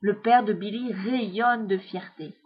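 A woman narrating a children's storybook in a measured, expressive way. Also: mid-range voice, husky. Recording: dull lo-fi recording.

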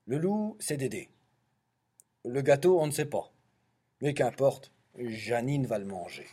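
Playful male storyteller with a lively voice. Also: medium pitch, a little slow, breathy edge. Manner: playful, teasing asides. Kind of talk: children's story reading.

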